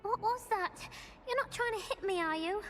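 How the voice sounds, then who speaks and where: A woman's voice: extremely high pitch, moderate pace, heavy background noise. An actress voicing a plaintive woman in a video game who begs passing students for help. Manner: plaintive, begging.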